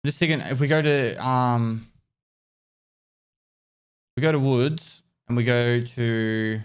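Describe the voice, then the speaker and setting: Australian guy on a livestream headset mic, laid-back streamer voice, halting and easygoing. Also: mid-range voice, clear, resonant tone. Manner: relaxed, trailing off with hesitations while thanking viewers. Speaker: gaming streamer. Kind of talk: casual livestream chat while gaming.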